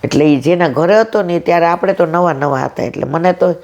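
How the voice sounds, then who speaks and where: A woman's voice: on the low side, brisk, darkish tone, muffled recording. A woman in her sixties giving a devotional talk at a satsang, telling a story and acting out each person's lines. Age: 60s. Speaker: satsang speaker.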